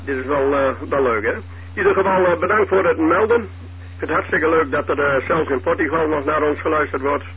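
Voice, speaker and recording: Husky male net controller heard through a tinny two-way radio channel. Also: a little high. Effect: heard over a two-way radio. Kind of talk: casual on-air moderation.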